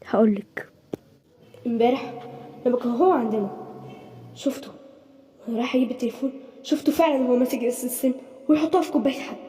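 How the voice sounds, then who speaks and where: A woman voicing a sick young man who speaks softly and low, with an Egyptian accent. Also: animated, fast talker, close to an everyday voice. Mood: weak, hushed. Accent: Egyptian Arabic. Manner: soft, low and hushed. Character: weak young man, sick in a hospital bed.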